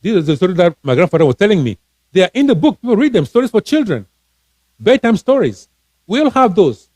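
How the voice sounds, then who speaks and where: A fairly high-voiced man from Cameroon, a financial coach and author, gives casual money advice on a live stream. He is earnest and encouraging but often stumbles, repeats words, and restarts. His mellow voice sounds close and dry, with no room around it.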